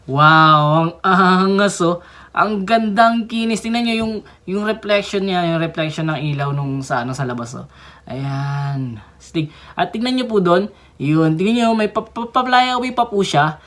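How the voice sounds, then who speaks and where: A young woman giving casual unboxing commentary on a figure, chatty, with excited exclamations and little giggles. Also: fairly low pitch, moderate pace. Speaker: toy reviewer.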